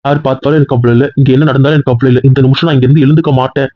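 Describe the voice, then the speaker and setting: Stubborn husband in a comedy skit, quick and raised; dry lo-fi sound. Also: male voice, mid-range voice, steady tone, no echo. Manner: insistent, stubborn, often raising his voice. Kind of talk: comic couple skit. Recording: dull lo-fi audio.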